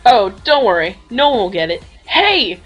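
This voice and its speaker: A woman voicing Hanna, an excitable and teasing young man who hunts ghosts, in a fan audio drama. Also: on the high side, normal speed, husky, dull audio, faint music behind. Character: Hanna, cheerful young male ghost hunter.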